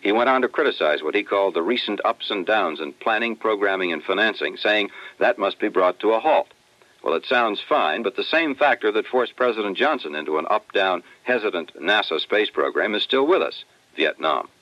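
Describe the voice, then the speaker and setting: A man delivering a scripted news report in a formal, measured newsreader manner, heard as a dense old radio broadcast. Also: on the low side, expressive, pushed and bright, no room sound, highs cut off. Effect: dense old radio broadcast sound. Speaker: news correspondent.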